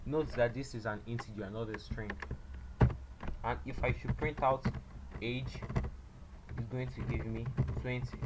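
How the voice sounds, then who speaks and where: A man giving a beginner programming tutorial, explaining step by step in a halting way and often repeating himself. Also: medium pitch, fairly even intonation. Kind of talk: screen-recorded coding tutorial. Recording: loud background noise and clicks.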